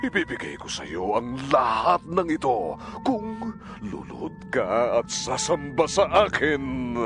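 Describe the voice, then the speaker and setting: A man voicing a scheming male devil who tempts with slow, coaxing, taunting speech, over music. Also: medium pitch, sing-song. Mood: tempting.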